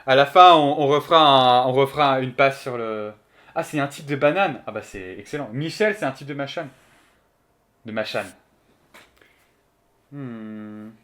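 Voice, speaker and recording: A man's voice: mid-range voice, measured pace, a bit bright. A man streaming live, chatting casually and joking as he thinks aloud and answers his chat.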